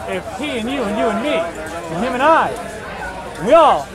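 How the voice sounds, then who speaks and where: A man's voice: very high voice, very animated, a little slow. A man talking through a costume head, chatting playfully and joking at an outdoor picnic. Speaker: first-time fursuiter. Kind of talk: casual chat. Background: crowd of people.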